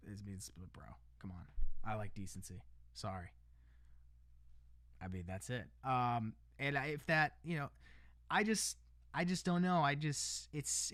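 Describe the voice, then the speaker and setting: A man's voice: mid-range voice, bright, forceful tone, no room sound, clean studio sound. Rambling man chatting on a livestream. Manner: rambling, restarts often, says "bro" and "man"; laughs between lines. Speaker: livestream host. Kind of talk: casual livestream chat.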